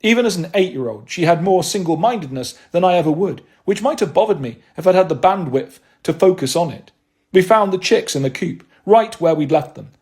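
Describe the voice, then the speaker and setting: A man's voice: high-pitched, expressive, brisk, a little mellow. A man reading a first-person novel aloud, with a wry, dry delivery. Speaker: audiobook narrator.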